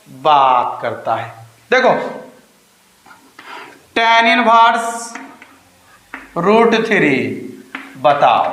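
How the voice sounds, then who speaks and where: Emphatic Bihari male math tutor, high bright voice, coaxing questions, echoey room. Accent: Bihari Hindi. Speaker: math teacher. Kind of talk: online math lesson.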